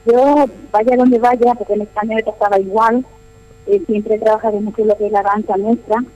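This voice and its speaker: Speaking at a normal speed with a fairly high but dark, steady voice, a middle-aged Paraguayan nun answers interview questions. She is a boarding-school missionary who explains things in a chatty way and repeats herself often, and the recording has its highs cut off.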